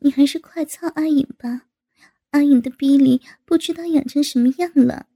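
A woman's voice: sits high, normal speed, dark tone. A woman voicing a bashful young adult daughter who scolds and teases with a laugh. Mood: teasing.

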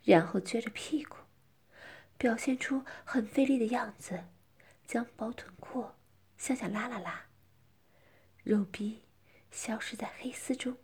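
A woman's voice: a little high, unhurried, pauses often, a little mellow, breathy edge. A middle-aged woman narrating a first-person story as whispered role-play, coy and often dropping into a whisper.

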